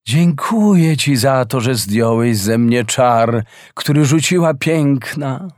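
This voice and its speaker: Man doing a talking river, calm, measured, slow, middle pitch, storybook, dry close sound. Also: no room sound. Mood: calm, firm. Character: freed river, calm and grateful.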